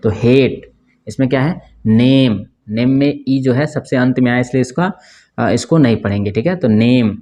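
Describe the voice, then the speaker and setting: A man at a middle, ordinary pitch teaches a pronunciation lesson in a patient classroom way. He keeps asking the class what a word is read as, then answers it himself. Short check-ins punctuate every point. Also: brisk, a little mellow. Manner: repeats questions and answers them himself; frequent checking fillers like "okay, right". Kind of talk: classroom lesson explaining rules.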